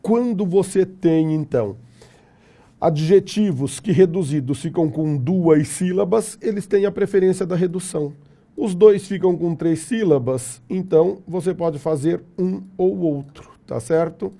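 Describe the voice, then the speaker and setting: Slow, dark-voiced Brazilian man teaching. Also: sits high, vocal fry. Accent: Brazilian Portuguese. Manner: lively, jokey, asks rhetorical questions. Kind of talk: classroom lecture.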